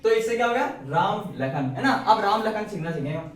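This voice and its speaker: A man's voice: high-pitched, animated, fairly quick. A male shorthand teacher giving a casual classroom lesson, asking and answering his own questions and cracking jokes as he goes. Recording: very echoey room, mic far away.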